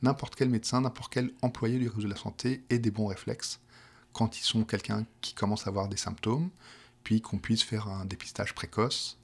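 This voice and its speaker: A middle-aged man with a Parisian French accent is interviewed about his work managing projects for a provincial health plan. He talks at normal speed with fairly even intonation, his lowish voice gravelly and husky, and he often hesitates and restarts.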